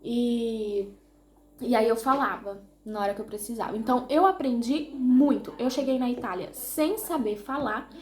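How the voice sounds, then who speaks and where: A Brazilian vlogger with a Brazilian Portuguese accent chats casually to camera, poking fun at herself and often restarting her sentences. Her voice is on the high side with a darkish tone and a moderate pace, recorded in an echoey room.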